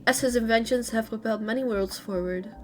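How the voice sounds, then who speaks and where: A woman's voice: fairly high pitch, fairly quick, lightly acted. A woman voicing a devoted young female assistant from a game's lore, telling her account in an earnest, eager way and close to her own voice.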